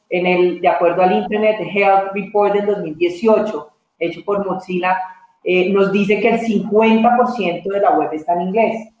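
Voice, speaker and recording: A woman's voice: medium pitch, a little mellow. A woman moderating a webinar panel, setting up questions at length with hesitant fillers. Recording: very echoey room.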